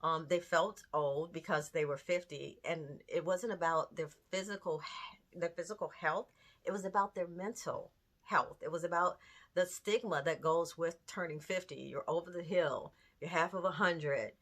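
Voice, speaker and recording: Earnest woman in her fifties, lower voice. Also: moderate pace, fairly bright tone. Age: 50s. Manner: earnest, conversational, emphatic with rhetorical questions. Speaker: host. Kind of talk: candid talk to camera.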